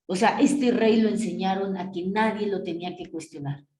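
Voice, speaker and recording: A woman history teacher giving an animated classroom lecture, telling the story like a tale and acting out its figures. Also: medium pitch, normal speed. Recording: echoey room with faint noise.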